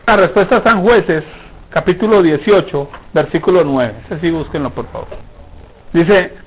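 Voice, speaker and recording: Male preacher, high-pitched, sermon delivery, keeps checking in with rhetorical questions. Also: moderate pace, breathy edge, low-quality recording. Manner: asks the congregation rhetorical questions. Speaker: pastor.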